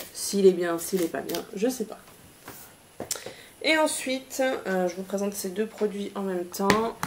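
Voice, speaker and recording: A woman's voice: on the low side, slight background noise. A woman presenting a shopping haul in a casual, hesitant way, with many fillers and restarts.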